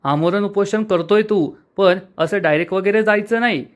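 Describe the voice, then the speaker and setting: A man takes on a chatty young sister who fusses and worries. The voice is lifted higher than his own. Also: moderate pace, natural voice. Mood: worried. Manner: chatty, fussing.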